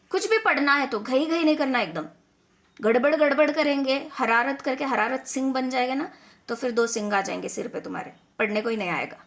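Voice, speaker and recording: High-pitched woman teaching children online. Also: a bit bright. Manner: patient, explains step by step with repeated checks. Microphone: video call.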